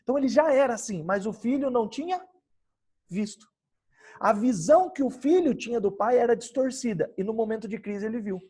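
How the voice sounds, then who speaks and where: A man's voice: extremely high pitch, expressive, fairly quick, warm tone, breathy edge. A man with a Brazilian Portuguese accent giving a devotional Bible lesson outdoors in his backyard, emphatic and full of rhetorical questions he answers himself. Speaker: youth devotional speaker.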